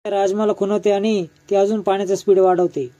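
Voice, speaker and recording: A man narrating a recap of a television serial episode in a steady, even retelling that weaves in quoted dialogue. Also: high voice, a little fast.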